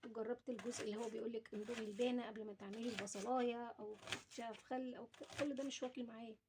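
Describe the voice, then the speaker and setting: A woman with an Egyptian Arabic accent talks very fast in a fairly high voice with fairly even intonation. A home cooking vlogger, she chats casually with her viewers while preparing food at home, explaining things directly to them. The home recording is clearly noisy, with clicks.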